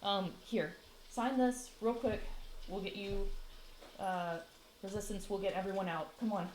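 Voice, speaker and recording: A woman's voice: medium pitch, steady tone, measured pace, a little mellow, a little hiss or hum, natural voice. A woman voicing a bold young woman adventurer who speaks urgently and gives commands during a rescue, in an echoey room.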